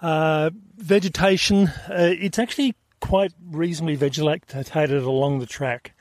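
A middle-aged man, the host of a hiking podcast, recording a relaxed, rambling audio diary outdoors on a trail, with lots of fillers and restarts. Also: a little high, measured pace, no echo. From Australia.

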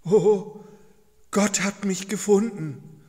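Runaway prophet, high and fretful, slow, church echo; a man voices him. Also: warm tone. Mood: fearful. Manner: higher, plaintive and fearful. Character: Jonah, anxious runaway prophet, adult man.

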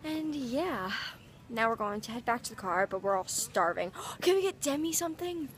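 A woman's voice: fairly high pitch, expressive, normal speed, a little hiss or hum. Bubbly giggly teen girl vlogging. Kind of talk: casual vlog chat. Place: outdoors in cold weather and in a car.

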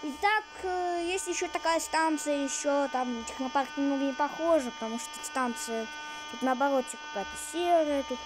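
A woman giving casual, rambling game commentary in halting, repetitive phrases. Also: high voice. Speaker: gamer commentating. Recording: loud noise from train game. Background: train game sounds.

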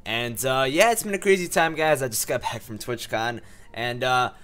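A man's voice: medium pitch, lively intonation, normal speed, fairly bright tone. A young man with a sore throat and a cough, chatting casually through game commentary and rambling with many fillers. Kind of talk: casual let's-play commentary.

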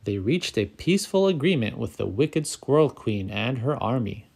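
A man narrating a children's picture book aloud, calm and clear, as the channel's storyteller. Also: medium pitch, normal speed.

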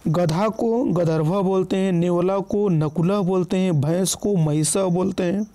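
A man with a high-pitched yet dark, mellow voice teaches an exam-prep vocabulary lesson. He works through a long list word by word, with frequent check-ins to his listeners and quick self-corrections.

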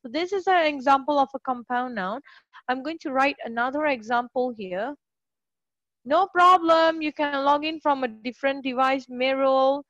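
A woman's voice: high-pitched, normal speed, fairly bright tone, dry recording, lo-fi sound. Upbeat woman tutor in a dry online class. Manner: upbeat, encouraging, praises students often. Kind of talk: live online class teaching.

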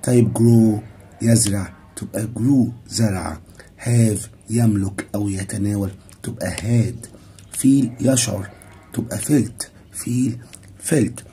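A man's voice: on the low side, measured pace, warm tone, a little hiss or hum. A man with an Egyptian Arabic accent teaching an English grammar lesson to primary pupils. He asks the pupils' questions aloud and answers them himself, repeating each English term and then translating it.

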